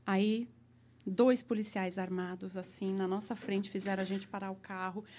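A woman's voice: medium pitch, flat delivery, moderate pace, a little mellow, a little hiss or hum. A woman guest on a podcast telling a story in casual chat, laughing often and acting out the people she quotes.

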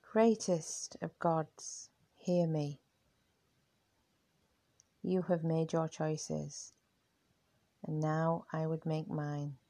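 A woman voicing a compassionate Titan goddess who proclaims slowly and deliberately. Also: low voice, fairly even intonation, mellow, dry recording, exaggerated voice. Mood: solemn.

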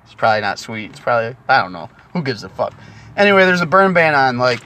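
A man's voice: medium pitch, big pitch swings, fast, pushed and bright. A man telling a party story in casual chat with a friend, rambling and swearing freely.

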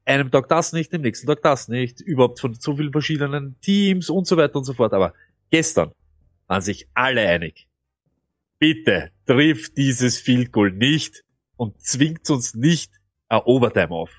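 A man's voice: medium pitch, expressive, normal speed, no echo. A man co-hosting a fantasy football podcast, telling things emphatically and animatedly. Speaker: podcast co-host. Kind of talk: casual fantasy football chat.

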